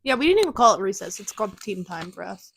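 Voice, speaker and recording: A woman's voice: mid-range voice, sing-song, quick pace, creaky, slight background noise. A young woman from the co-hosting a podcast, telling stories in a chatty way with playful asides. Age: young adult. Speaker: podcast co-host. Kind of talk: casual chat.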